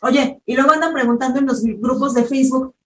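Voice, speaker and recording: A high-pitched woman with a Mexican accent hosts a chatty podcast, acting out other people's lines as she tells stories. The room is echoey, with a faint hiss underneath. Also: a little fast. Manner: animated storyteller, acts out quotes. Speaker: podcast host. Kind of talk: casual chat.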